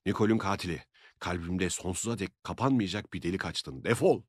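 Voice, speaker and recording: A man reading an audiobook, voicing an agitated, theatrical eccentric who shouts indignantly. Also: sits low, fairly quick, husky, dry recording, studio quality. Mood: furious.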